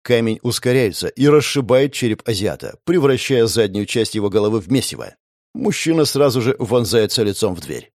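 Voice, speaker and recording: A man's voice: medium pitch, lively intonation, a little fast, darkish tone, no echo, studio quality. A man giving dramatic, intense narration of a combat fantasy audiobook. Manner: intense, gritty storytelling.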